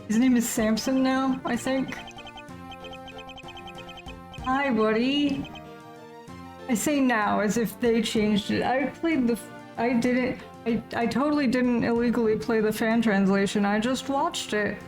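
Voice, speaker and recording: A woman's voice: on the high side, fairly even intonation, normal speed, a little mellow, faint music behind. A woman streaming a game live, joking casually and reading its lines aloud in a plain voice.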